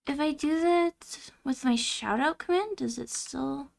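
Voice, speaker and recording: A young woman streaming a game, chatting casually, reacting aloud and thanking her viewers, her voice going hoarse. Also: high-pitched, a little slow. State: losing her voice.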